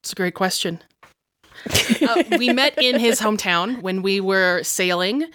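A woman player chatting in character during a tabletop game, in a relaxed, chatty way. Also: mid-range voice, measured pace, dry recording, studio quality. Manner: relaxed, chatty, laughs often.

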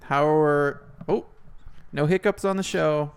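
A man's voice: a little high, slow, smooth. A man hosting a casual podcast chat, rambling and chatty, laughing often. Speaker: podcast host.

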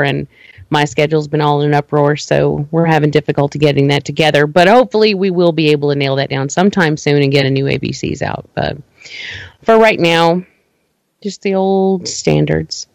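A woman's voice: low voice, steady tone, moderate pace, gravelly, darkish tone, no room sound. A woman guest on a podcast, chatting casually about her shows and laughing easily. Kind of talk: casual chat.

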